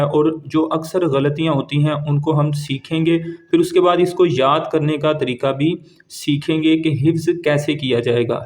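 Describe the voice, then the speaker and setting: A man teaches a step-by-step tajweed lesson in a voice a little higher than most men's. He explains each rule plainly, then recites the words slowly and stretches them out, repeating them so a learner can follow.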